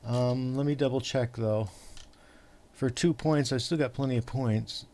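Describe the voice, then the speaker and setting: Guy talking through board game rules, lots of uh and um, keeps restarting sentences, middle pitched voice. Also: steady tone, darkish tone. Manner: rambling, halting, heavy on fillers and restarts; patient rules explaining. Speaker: host explaining rules to an opponent. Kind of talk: casual tabletop game chat.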